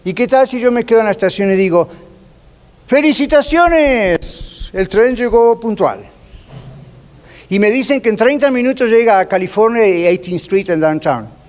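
Middle-aged man preaching, high-pitched, long hall reverb. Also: quick pace, darkish tone. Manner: storytelling, mixes in English phrases. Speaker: pastor. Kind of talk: sermon.

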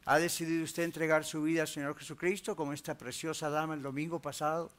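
A man's voice: level tone, fast. A man preaching a sermon as pastor, asking rhetorical questions and ending in prayer. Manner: rising emphatic preaching, rhetorical questions, dropping low and soft in prayer.

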